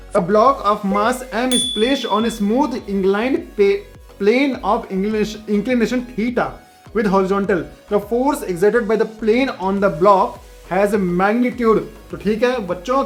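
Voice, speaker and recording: A man giving an online physics lesson in a chatty style, often checking in with his students. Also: high-pitched. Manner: chatty, keeps asking "theek hai bachchon"; reads the question aloud slowly. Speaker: physics teacher.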